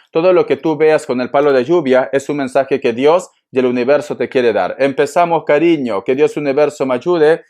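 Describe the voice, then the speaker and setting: A man's voice: on the high side, darkish tone. A man giving a casual, playful tarot reading, affectionate and full of pet names, his voice a little strained. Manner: sings snatches of songs and jokes. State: voice strained by cold air. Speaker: tarot reader.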